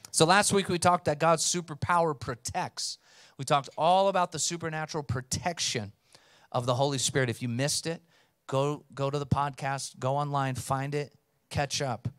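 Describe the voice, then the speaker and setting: A man in his thirties preaches from a church stage into a handheld microphone, his voice sitting fairly high for a man. He speaks with emphatic force and calls the congregation to respond. The sound is dry and close, with little room echo. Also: steady tone, normal speed, fairly bright tone, clean tone. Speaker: pastor. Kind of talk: sermon. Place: church stage with blue lighting.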